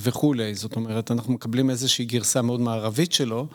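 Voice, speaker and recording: A middle-aged man, a podcast guest, explaining his views in a measured, lecturing way, often pausing to find the right word. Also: medium pitch, steady tone. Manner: measured, lecturing, pauses to search for words. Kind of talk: reflective conversational explanation.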